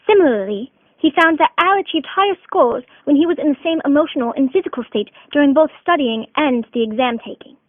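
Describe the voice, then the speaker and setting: A woman's voice: high-pitched, lively intonation, a little fast, hardly any pauses, no room sound. A woman narrating a student mock documentary in a dramatic announcer tone. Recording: dry, tinny phone-like voice-over.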